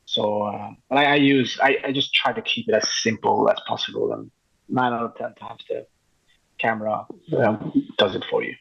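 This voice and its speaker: A man, a street photographer chatting as an interview guest, enthusiastic and halting with frequent restarts. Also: on the low side, steady tone, vocal fry, fairly bright tone, breathy edge, muffled recording. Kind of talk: casual interview chat.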